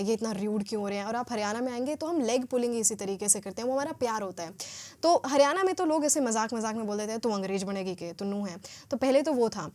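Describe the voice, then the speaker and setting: A woman's voice: on the high side, darkish tone. A woman from Haryana, a podcast guest who talks in a reflective, self-assured way and moves easily between two languages. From Haryana, India. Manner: mixes Hindi and English fluidly, reflective and self-assured. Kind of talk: podcast interview.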